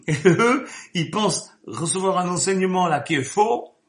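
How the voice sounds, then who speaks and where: A man delivers a sermon in a talky, rambling way, repeating his points and then swelling into emphatic bursts. His voice sits a bit high for a man. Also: animated, moderate pace. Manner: conversational, repetitive asides, rising emphatic bursts. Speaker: preacher.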